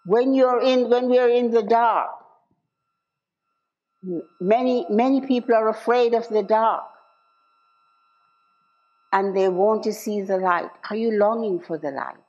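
A woman preaching a sermon at a church service, slow and emphatic, repeating key phrases and putting direct questions to her listeners. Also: on the high side, darkish tone. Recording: dull lo-fi live church recording.

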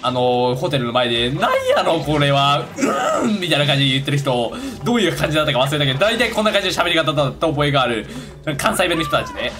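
A man giving casual let's-play commentary, excitable and talking to himself while he plays. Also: a little high, very fast, few pauses, over music. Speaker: gaming YouTuber.

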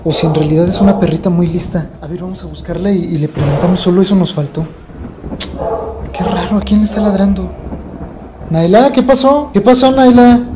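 A man's voice: high voice, fairly even intonation, fast talker, noisy background. A man hosting a comedic reaction vlog, playful and dramatically mock-frightened. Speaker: YouTuber host. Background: background music.

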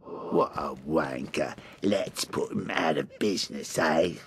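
A man's voice: fairly low pitch, huge pitch swings, takes it slowly, creaky, husky, exaggerated voice. An actor playing the Joker, a manic, mocking male clown villain in a video game. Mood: sneering. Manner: mocking, taunting, theatrical. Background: game music.

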